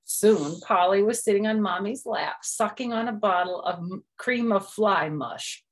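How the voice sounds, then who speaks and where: A middle-aged storytime host reads a picture book aloud in a small room at home, stopping to give young children simple explanations. She speaks in a mid-range voice, a little slowly.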